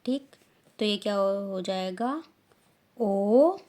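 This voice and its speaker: An Indian woman teaching a language class with slow, deliberate explanations, stressing each syllable loudly in repetition drills. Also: medium pitch.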